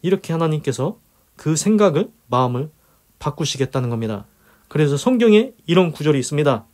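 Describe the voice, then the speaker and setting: A man's voice: a little high, big pitch swings, a little fast, a little mellow. A man giving a sermon-style Bible explanation, asking rhetorical questions and retelling scripture in blunt everyday words. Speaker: preacher.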